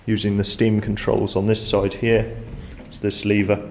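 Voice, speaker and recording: A man's voice: lowish voice, monotone, normal speed, darkish tone. A man acting as tour guide, explaining machinery in an informal, unscripted way inside a ship's engine room. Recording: echoey metal room, background hum.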